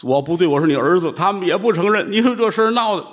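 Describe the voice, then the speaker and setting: A man's voice: sits high, lively intonation, quick pace, pitched above the performer's own voice. A man voicing a whining, foolish male vegetable peddler in a storytelling comedy routine. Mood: whiny. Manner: whining, complaining.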